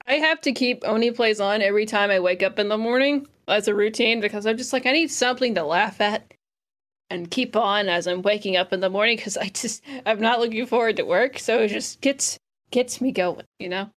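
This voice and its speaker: Chatty woman full of "like" fillers. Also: mid-range voice. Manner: chatty, lots of "like" fillers, enthusiastic. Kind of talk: casual chat.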